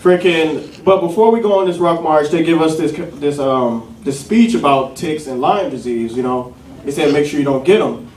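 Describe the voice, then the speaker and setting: A man's voice: on the high side, normal speed, a little mellow, slight background noise. A young man doing a stand-up routine, telling loose, profane stories full of fillers, on a club stage. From a city. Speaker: stand-up comedian. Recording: echoey club from a distant mic with crowd laughter.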